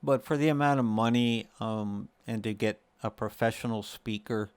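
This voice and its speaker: A man's voice: medium pitch, moderate pace, smooth, dry recording. A man hosting a gaming tutorial, explaining things step by step in a casual, conversational way. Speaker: gaming video host. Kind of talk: casual screen-share tutorial.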